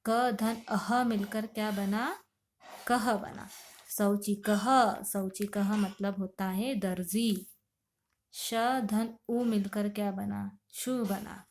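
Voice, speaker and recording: A woman's voice: medium pitch, fairly even intonation, slow, darkish tone, a little hiss or hum. A woman teaching a grammar lesson, asking questions and answering them herself, step by step and patiently. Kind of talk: classroom lesson explaining Sanskrit grammar.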